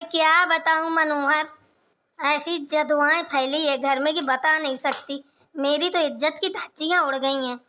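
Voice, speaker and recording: A scolding old mother-in-law, voiced by a woman in a cartoon, sharp-tongued and proud. The voice sits very high and bright, with a piercing edge. She nags without letup. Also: fairly even intonation, measured pace. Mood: aggrieved. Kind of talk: Hindi cartoon voice acting.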